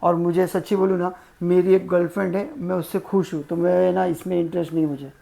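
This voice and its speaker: A man's voice: high voice, little pitch movement, fairly quick, creaky, mellow. A man playing a blunt, dismissive young husband in a family drama.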